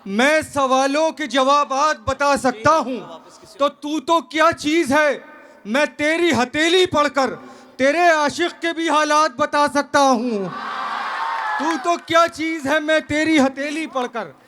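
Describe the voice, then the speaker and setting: Man, high-pitched, loud emphatic recitation, slow delivery. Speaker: audience poet. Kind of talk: declaiming poetry with slow drawn-out lines.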